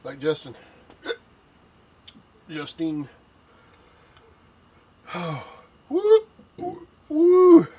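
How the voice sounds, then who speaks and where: An older man, taste-testing a hot barbecue sauce on his cooking vlog, teary and sniffling from the heat, with slow, drawn-out hums and sighs. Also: a little high, husky. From Texas. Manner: slow, drawn-out reactions to spicy food with many hums and sighs. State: teary, nose running from the heat. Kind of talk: casual taste-test reaction.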